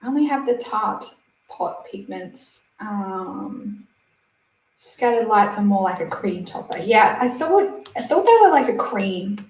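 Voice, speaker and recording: With lively intonation and an unhurried, slightly mellow medium-pitched voice, this beauty channel host in her 20s chats on a livestream. She giggles while reading viewer comments aloud, and the mic sounds roomy and a touch distant.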